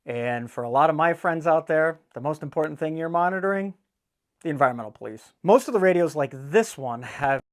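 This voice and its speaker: Indoors in an office, a man with a fairly high-pitched voice hosts a how-to video for his boating DIY channel. It's a casual instructional vlog where he jokes, swears and stays blunt and irreverent, chatting directly to viewers in a folksy way.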